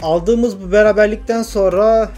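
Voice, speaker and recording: An excitable young man commentates his own football game, urging his players on and muttering to himself. His voice sits high for a man. Game music plays clearly beneath him. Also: normal speed. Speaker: gaming YouTuber.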